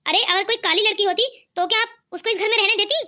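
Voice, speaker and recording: Kind young brother-in-law voiced by a woman, pleading, teasing, very high pitch, bright, cartoon. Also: fairly even intonation, quick pace. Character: kind cheerful young man defending his sister-in-law.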